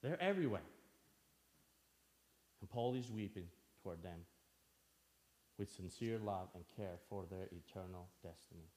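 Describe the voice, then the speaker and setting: A man's voice: deep voice, animated, unhurried, pauses often, darkish tone. A man from Albania preaching a sermon in church, earnest, asking the listeners questions and repeating phrases for emphasis.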